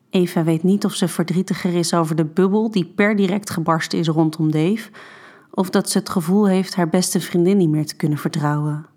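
A woman narrating an erotic short story in a calm, intimate storytelling manner. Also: on the low side.

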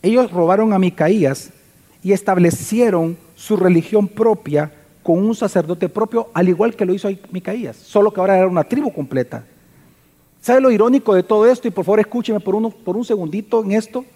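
A man preaching a sermon as pastor, retelling a story with animated energy and asking the congregation questions. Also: high voice, a little fast. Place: church hall. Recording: reverberant hall.

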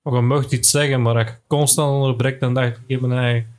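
A man in a casual chat with another comedian, his pitch held nearly level. He talks in short agreeing replies and halts now and then. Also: flat delivery, fast talker, a little mellow.

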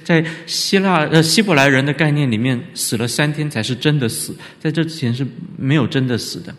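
Animated man lecturing in an echoey hall. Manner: animated, jumps high in pitch for emphasis. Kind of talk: church lecture on scripture. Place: church hall. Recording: reverberant church hall.

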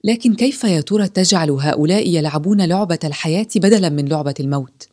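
Woman narrator, breathy voice, solemn measured storytelling, scripted reading. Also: fairly low pitch, mellow.

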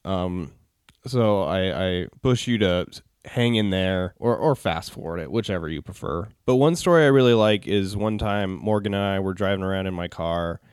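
A man who works as a DJ, talking casually and alone, rambling with relaxed restarts. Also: low-pitched, moderate pace, clear, resonant tone, dry recording, studio quality. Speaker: DJ and podcast host. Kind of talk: casual solo talk.

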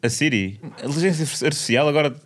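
Young European Portuguese male co-host, playful and insistent, slightly high and very lively delivery. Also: quick pace. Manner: playful, insistent, drawls out names. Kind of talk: casual chat.

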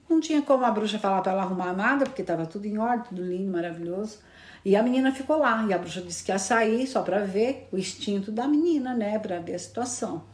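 Woman telling a fairy tale, echoey. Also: mid-range voice. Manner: rambling, repeating phrases, with tag questions. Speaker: storyteller. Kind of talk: casual oral storytelling. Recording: echoey room.

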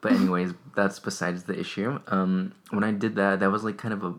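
A young man chatting casually, raspy voice, rambling with many fillers and restarts. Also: low-pitched, level tone, fairly quick, a bit bright. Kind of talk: casual chat.

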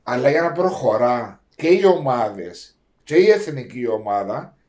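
A man's voice: mid-range voice, sing-song, darkish tone. A man in his fifties with a Greek Cypriot accent, chatting casually and emphatically about sport. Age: 50s.

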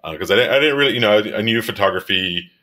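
A man in his thirties from Miami talks as a guest about his photography and directing work. His voice sits very low and deep, and he rambles loosely, with lots of fillers and restarts. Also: animated, fast talker, pushed and bright. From Miami, United States. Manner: rambling, many fillers and restarts, laughs easily. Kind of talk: casual interview conversation.

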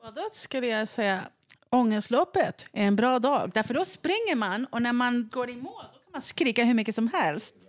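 Animated woman chatting, laughing often. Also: fairly high pitch. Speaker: guest in group talk. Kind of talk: casual chat.

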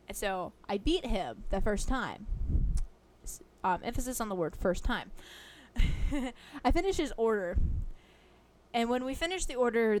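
A young woman who works a fast-food drive-thru, chatting casually about customers, laughing often and filling pauses with um and like. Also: medium pitch, darkish tone, clear, resonant tone. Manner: giggly, chatty, full of fillers. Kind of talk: casual storytelling.

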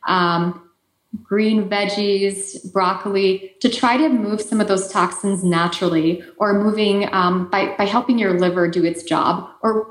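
Answering an interviewer, this Polish-born woman with an Eastern European accent speaks as a guest expert, explaining things with frequent fillers and false starts. Her voice sits mid-range, and the sound is roomy.

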